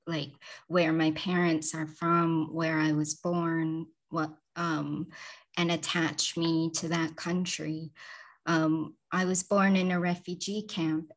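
Slow, even-voiced woman author. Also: lowish voice. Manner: calm, measured, short reflective phrases. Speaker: author guest. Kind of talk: panel discussion over video call. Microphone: video call, computer mic.

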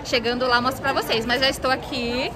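A woman, speaking through a face mask, chatting excitedly to her viewers while walking through a shopping mall. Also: sits high, fairly quick, background noise. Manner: bubbly and gushing, keeps addressing viewers. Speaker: fashion vlogger. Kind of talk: casual vlog chat to viewers. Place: indoors in a busy shopping mall. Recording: loud mall crowd and music behind.

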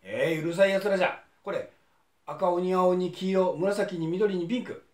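A man voicing a pompous, gruff male king of hell who scolds impatiently in a Kansai accent. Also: high-pitched, normal speed, a little mellow, echoey room, voice pushed up, close to an everyday voice. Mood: stern.

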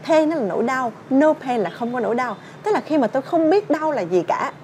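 A woman's voice: high-pitched, sing-song, brisk, a little mellow, a little hiss or hum. A young woman teaching English through a song, chatty and casual, singing lines and then explaining them. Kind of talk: song-based English pronunciation lesson.

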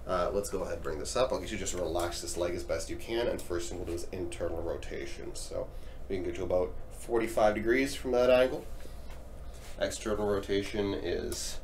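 Low-voiced male chiropractor explaining an exam. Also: fairly quick. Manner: clinical, explanatory. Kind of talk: hands-on exam with explanations to camera. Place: small indoor treatment room. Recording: noisy room ambience.

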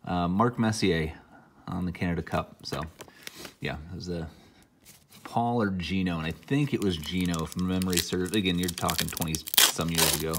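A man's voice: sits low, moderate pace, noisy background. A middle-aged man who is a little under the weather, giving casual, rambling commentary with dry asides as he hosts an unboxing. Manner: rambling, dry asides while naming cards. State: under the weather, mildly sick. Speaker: host opening hockey card packs. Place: indoor room at a table, hobby display behind.

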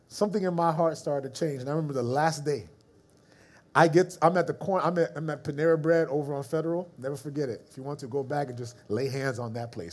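A male pastor giving a storytelling sermon in casual slang, acting out the people in his stories and dropping to a soft, slow voice for reflective moments. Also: on the high side.

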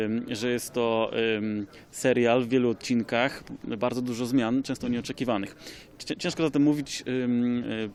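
A man, a lawyer, giving an expert comment in a measured way, often pausing with hesitation fillers. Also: medium pitch, darkish tone. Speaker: lawyer commenting on tax changes.

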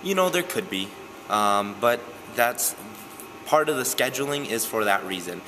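A young man, a softball coach, answering postgame questions in an earnest, steady way with many "um" fillers, recorded indoors in a gym. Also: medium pitch, a little slow, background noise. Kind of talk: postgame interview.

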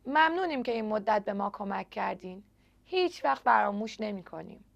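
A woman's voice: mid-range voice, animated, creaky. A woman voicing a worried, devoted male clownfish father in a children's storybook, talking in a pleading way. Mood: grateful. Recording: dull lo-fi recording.

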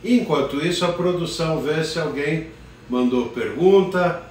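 A man's voice: fairly high pitch, a little slow, darkish tone, recorded from a distance, a little hiss or hum. An older man hosting a casual live cooking show in his home kitchen, chatting unhurriedly and greeting viewers by name. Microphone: phone camera at a distance. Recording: roomy kitchen echo from afar.

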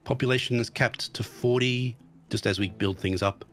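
His voice sits in the mid range, steady in tone and moderate in pace. A male guest streamer recovering from tonsillitis, he chats informally about his game but keeps stumbling, restarting and filling gaps with um.

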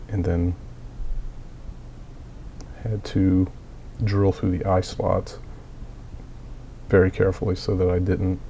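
A man's voice: low-pitched, monotone, slow pace, vocal fry, long pauses, warm tone, a little hiss or hum. A man recovering from a cold, coughing at times, plainly and methodically walking through a hobby build with frequent fillers. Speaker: miniature hobbyist. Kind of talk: casual tutorial walkthrough.

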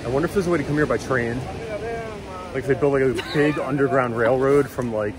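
A man's voice: medium pitch, a little fast, a crowd in the background. A man chatting casually outdoors by the beach, with a dry, teasing manner. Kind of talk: casual chat.

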